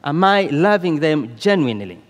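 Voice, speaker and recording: A man preaching a sermon in a deliberate, unhurried way, pausing with fillers and repeating key phrases. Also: on the high side, sing-song. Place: church hall. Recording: long hall reverb.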